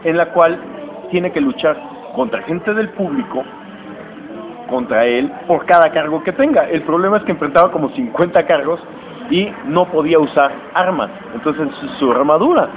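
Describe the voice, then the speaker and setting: Mexican male podcast host, slangy storyteller, slightly high voice, lo-fi with clear noise. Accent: Mexican Spanish. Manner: animated, slangy, acts out lines in quick voices. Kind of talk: casual chat retelling a comic plot. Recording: dull lo-fi recording with steady noise.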